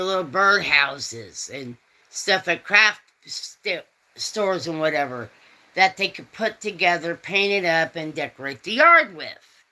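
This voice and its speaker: Slow, rambling woman chatting with viewers. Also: fairly low pitch, pushed and bright, low-quality recording. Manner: rambling, folksy, reads out chat comments. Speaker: host. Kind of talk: casual chat.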